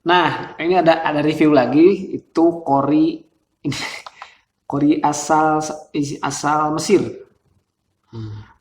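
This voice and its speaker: A man's voice: fairly high pitch, slow, pauses often. A male host, talking casually and chattily about vocal character with frequent laughs and fillers. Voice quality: describes his voice as thin and reedy. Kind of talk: casual explanatory talk. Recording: roomy echo.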